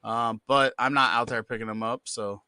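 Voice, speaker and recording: Easygoing male co-host, very bright tone, dead-dry close-mic sound. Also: medium pitch, moderate pace, smooth, no room sound. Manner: relaxed, easygoing, with fillers. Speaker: podcast co-host reading viewer questions. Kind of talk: casual live Q&A chat.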